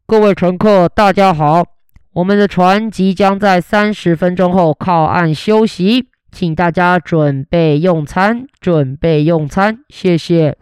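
Woman doing a slow, formal ship loudspeaker announcer. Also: on the low side, clear, resonant tone, no room sound, studio quality.

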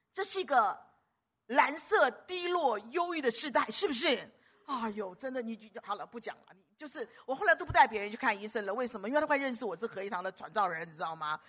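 Husky, animated woman preacher. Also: mid-range voice. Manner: animated, emphatic, stumbles and repeats words. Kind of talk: sermon.

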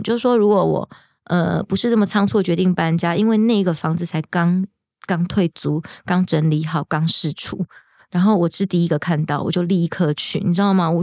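A young woman hosts a podcast, casually telling a story and quoting people in lively voices. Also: lowish voice, no room sound, clean studio sound. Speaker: podcast host.

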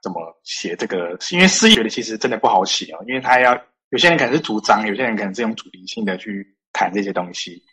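A man's voice: on the low side, animated, fast talker, pushed and bright, slightly rough. A man hosting a podcast interview who listens attentively, putting in frequent short affirmations and then asking follow-up questions. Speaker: podcast host.

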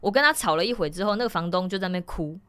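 Podcast co-host, woman, Taiwanese Mandarin accent, quick and bright storyteller who jumps up in pitch to act out the people she quotes. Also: clear, resonant tone. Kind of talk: casual storytelling chat.

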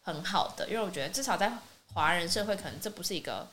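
A woman co-hosting a casual podcast chat, telling a lively story and acting out what her friends said. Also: fairly low pitch, fast. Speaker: podcast co-host. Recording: faint hiss.

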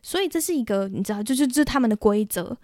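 A woman's voice: a little high, quick pace, no echo. Chatty Taiwanese woman podcaster, dry sound. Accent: Taiwanese Mandarin. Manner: chatty, animated storytelling with many restarts. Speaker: podcast host. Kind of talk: solo podcast chat.

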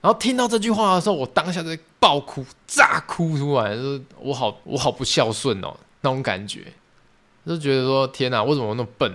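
A young man with a Taiwanese Mandarin accent, hosting a podcast and telling a personal story in a fast, animated, emotional way. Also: medium pitch. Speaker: podcast host.

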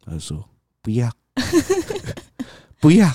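A man's voice: low-pitched, fast, no room sound, studio quality. A father, co-hosting a podcast and animatedly acting out a story about his toddler, laughing as he goes. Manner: animated, acts out scenes, laughs often. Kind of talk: casual storytelling chat.

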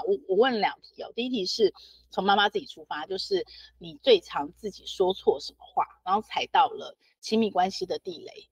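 A chatty woman hosts a relaxed podcast talk. Her voice is husky and a little breathy. The sound is dry and close, with no room around it. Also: medium pitch, dry recording. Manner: chatty, reads out listener comments with laughs. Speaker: podcast host. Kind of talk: casual podcast interview.

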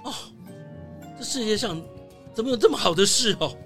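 Storyteller lady for kids, super animated, oohs and aahs, soft music behind. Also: medium pitch, normal speed. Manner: lively, exclaiming, full of fillers like 哎呦. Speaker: children's storyteller. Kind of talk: animated children's story narration.

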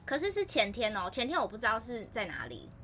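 A woman with a Taiwanese Mandarin accent, co-hosting a podcast in casual chat, telling animated stories and acting out quotes. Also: a little high, fast talker, soft background music. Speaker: podcast co-host.

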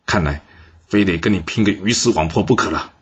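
A man's voice: sits low, brisk, husky, muffled recording. A man voicing a bitter, vengeful general who has lost his command, speaking with scorn in an audio story. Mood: bitter, angry. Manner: angry, scornful.

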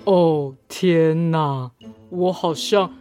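A woman voicing a slow, clumsy tortoise in a children's story, drawling each word. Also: sits low, warm tone, faint music behind, pitched below the performer's own voice. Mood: nervous.

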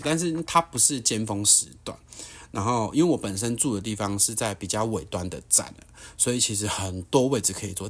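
A man's voice: mid-range voice, slightly rough. A young man with a Taiwanese Mandarin accent, a podcast host telling a heated story and ranting bluntly. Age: young adult.

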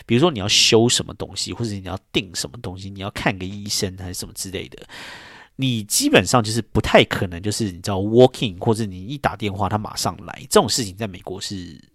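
A man's voice: lowish voice, fast talker, a bit bright, no room sound, clean studio sound. A middle-aged man hosting a casual solo podcast, chatty and given to emphatic rants. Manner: chatty, ranting, with emphatic complaints. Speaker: podcast host.

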